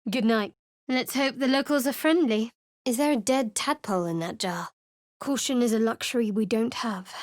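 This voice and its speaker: Recorded close in the studio without echo, the fairly high voice stays near an everyday register. The actress is voicing lines for a video game's young woman cleric, a guarded, sardonic character, and she keeps the tone dry and wry.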